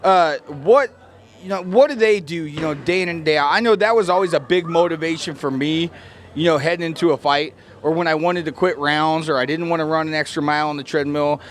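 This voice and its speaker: A man's voice: fairly high pitch, brisk. A man doing a casual sports interview in an informal, chummy way. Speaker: interviewer, former fighter.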